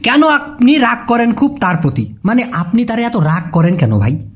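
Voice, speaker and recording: A language teacher, speaking in a colloquial way and repeating example phrases slowly. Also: mid-range voice, very animated, slightly rough. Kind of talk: language lesson.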